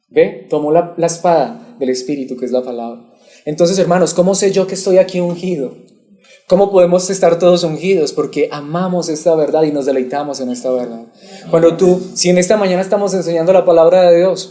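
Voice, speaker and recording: A man preaches a Bible sermon, asking his listeners questions and waiting for them to answer. His voice sits somewhat high but stays warm and mellow rather than bright. He sounds like a pastor teaching his church. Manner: asks the congregation questions and waits for replies. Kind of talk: expository sermon.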